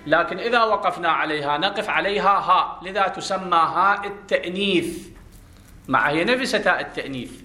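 A man's voice: sits high, fairly quick, pushed and bright, roomy sound. A man teaching a grammar class, explaining step by step and putting questions to his students. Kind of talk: classroom lesson.

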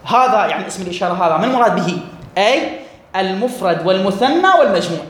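Man, grammar teacher, lecturing, keeps repeating and quizzing the class, high voice, booming echo all around. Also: animated, rapid-fire, fairly bright tone. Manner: repeats points and quizzes students. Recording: very echoey room.

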